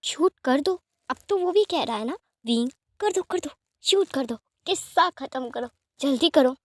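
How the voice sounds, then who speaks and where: A woman's voice: high voice, animated, normal speed, no room sound, pitched above the performer's own voice. A woman voicing a cruel young male villain who taunts and gloats in a sing-song way. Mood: coaxing.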